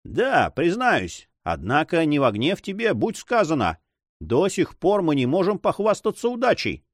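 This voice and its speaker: A man voicing an excitable, easily discouraged male sailor who complains and exclaims. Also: a little high, unhurried, dry recording, clean studio sound, voice pushed up, exaggerated voice.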